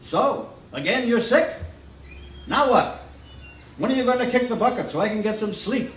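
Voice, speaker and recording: A man voicing a fast-talking, wisecracking male doctor with gruff, mock-grumpy jokes, read aloud in a roomy hall. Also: very high-pitched, lively intonation, voice pushed up. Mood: grumpy teasing. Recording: roomy hall picked up from a distance.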